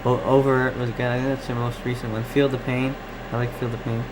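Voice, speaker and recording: Here a fast-talking man from Canada runs a relaxed live stream, distractedly musing aloud and replying to what viewers write. His voice sits in the mid range with little pitch variation, and background noise is audible. He's a radio hobbyist by interest.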